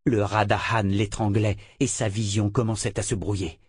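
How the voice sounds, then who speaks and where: A man narrating a fantasy audiobook in a measured, dramatic storytelling manner. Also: lowish voice, level tone, breathy edge, no echo, studio quality.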